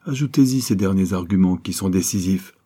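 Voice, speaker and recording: A man voicing a formal examining magistrate who asks his questions in measured, official tones. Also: low-pitched, dark tone, husky.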